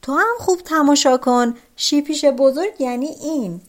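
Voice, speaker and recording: A woman's voice: high-pitched, pitched above the performer's own voice, lightly acted. A woman voicing a brave, cheeky young man who mocks a demon in a folk tale. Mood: defiant. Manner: defiant and mocking.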